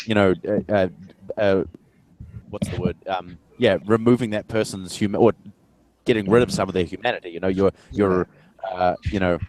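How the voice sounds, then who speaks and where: Rambling twenties man, low voice. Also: fairly even intonation, normal speed, darkish tone, dry recording. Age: 20s. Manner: rambling, many fillers and restarts, swears freely. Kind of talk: casual group chat.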